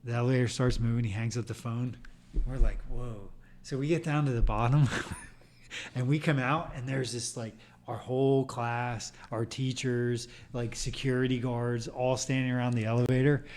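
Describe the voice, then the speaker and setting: A man on a casual podcast telling a lively anecdote, laughing as he goes. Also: medium pitch, normal speed. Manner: animated, laughing storyteller. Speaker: podcast co-host.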